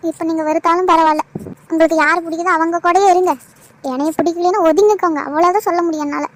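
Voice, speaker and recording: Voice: very high voice, fairly even intonation, fast. A voice actor playing an aging mother in an amateur cartoon, speaking in a mournful, guilt-tripping way. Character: aging mother, wounded and proud. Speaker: mother-in-law.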